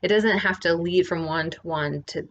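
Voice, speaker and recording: A woman's voice: fairly low pitch, normal speed, highs cut off. A woman giving a casual spiritual lesson, often checking in with "right?". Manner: relaxed, often adds "right?". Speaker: spiritual teacher.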